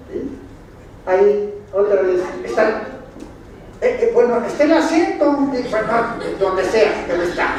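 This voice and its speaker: A man's voice: extremely high pitch, a little mellow. A man with a Mexican Spanish accent giving a lecture with slides at a conference, quizzing the audience with dry, ironic asides. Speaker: conference speaker. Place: lecture hall. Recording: very echoey hall, distant, faint noise.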